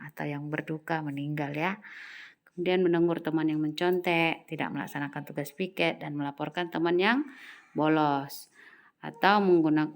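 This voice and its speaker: A woman teacher giving a recorded lesson to young pupils, reading out numbered lists and talking to them patiently. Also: low voice. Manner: patient, addresses pupils as "Nak", reads lists aloud.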